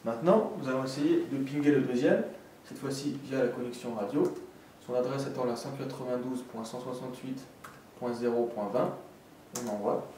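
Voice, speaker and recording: At a normal speed, a man with a dark, mid-range voice delivers a step-by-step technical tutorial, methodical and instructive. He records in an indoor room with a desk and green backdrop, where the mic is distant, the room echoes, and there's faint noise.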